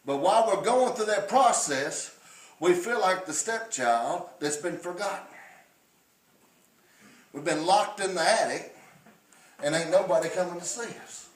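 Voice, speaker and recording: A man preaching a sermon in a church, rising to fervent shouting with drawled fillers. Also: high-pitched, a little slow, pauses often. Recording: echoey room heard from a distance.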